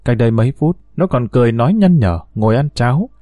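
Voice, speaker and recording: A man's voice: medium pitch, expressive, quick pace, dry recording, narrow, tinny audio. A man telling a first-person ghost story in a tense, earnest way.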